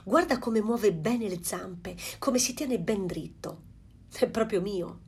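A woman voicing a proud, fussy mother duck in a storybook reading, with a slightly husky voice. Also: mid-range voice, slow pace, darkish tone, full character voice.

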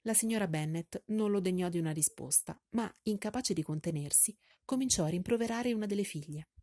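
A woman narrating a classic novel as an audiobook in a measured, storytelling manner. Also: medium pitch, warm tone, no room sound, studio quality. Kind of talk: scripted literary narration.

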